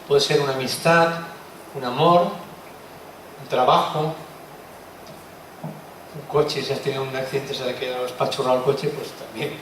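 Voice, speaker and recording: Man, expressive preacher, a bit high-pitched, recorded far off with faint noise. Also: very echoey. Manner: expressive, rhetorical questions, tag words like "¿eh?". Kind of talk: sermon. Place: church hall.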